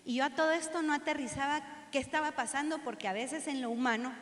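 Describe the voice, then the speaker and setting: A woman's voice: high voice, fast. A woman pastor with a Guatemalan accent, preaching a sermon and telling a story, acting out the dialogue. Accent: Guatemalan Spanish. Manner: storytelling, animated, acts out the dialogue. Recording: echoey hall.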